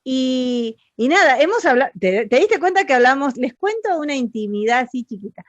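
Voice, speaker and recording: A woman's voice: sits high, big pitch swings, moderate pace, no echo, highs cut off. A woman with an Argentine accent hosting an interview, chatty and agreeable in a casual conversation. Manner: chatty, agreeable, with frequent assent. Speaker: interview host.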